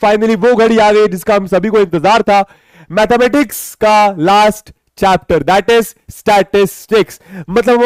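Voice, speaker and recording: Brief: young man, online math tutor, bright high register, smooth tone, close dead room, playful chatter that repeats words. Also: dry recording. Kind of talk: live online class, casual chat with students.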